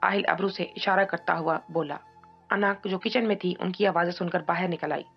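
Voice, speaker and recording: A woman narrating a novel in steady, even scripted storytelling. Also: on the low side, normal speed, vocal fry, husky. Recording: dull lo-fi audio, faint music.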